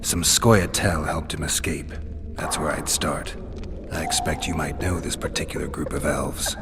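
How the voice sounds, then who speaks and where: An actor voicing a jaded monster hunter held prisoner in a video game, dry, deadpan and sarcastic. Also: male voice, rumbling low, unhurried, heavy background noise. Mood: firm, bargaining.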